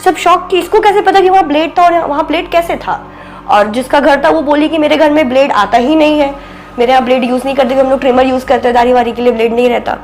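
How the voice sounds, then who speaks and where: A young woman with a soft, babyish voice, telling a story as a podcast guest and acting out what people said. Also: high voice, fast, faint music behind. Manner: animated, acts out quoted speech, mixes in English words. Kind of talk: casual spoken storytelling.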